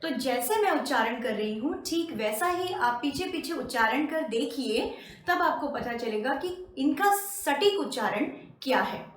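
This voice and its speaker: Slow, careful woman teaching sounds. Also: high voice, animated. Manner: drawn-out careful pronunciation drills, repeating sounds. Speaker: Hindi teacher. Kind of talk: slow spoken language lesson. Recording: roomy echo.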